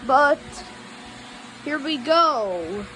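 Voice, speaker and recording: Demo assistant, high voice, unhurried pace, casual equipment explanations with faint background noise. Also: animated. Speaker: assistant running the audio.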